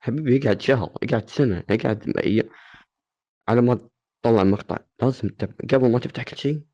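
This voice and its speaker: A man's voice: medium pitch, fast, darkish tone, lo-fi sound. A man, hosting a casual, joking tutorial and teasing his viewers. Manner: teasing, playfully insulting. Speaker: gaming channel host.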